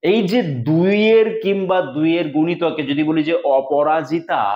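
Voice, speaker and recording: A man teaching an exam-prep lecture, explaining step by step and sounding out words syllable by syllable. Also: on the high side. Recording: echoey, dull lo-fi room sound.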